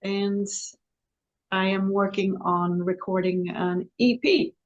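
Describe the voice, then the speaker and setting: A singer-songwriter woman from Sweden, a guest in an interview, who talks slowly and haltingly with many restarts. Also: medium pitch, steady tone, highs cut off.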